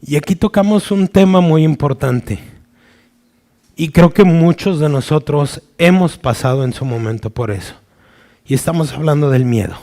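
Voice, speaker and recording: A man preaching a sermon, slow and searching, pausing on restarts and checking in with his listeners, acting out the voices in the story. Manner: acts out quoted voices with sudden swings of pitch and loudness.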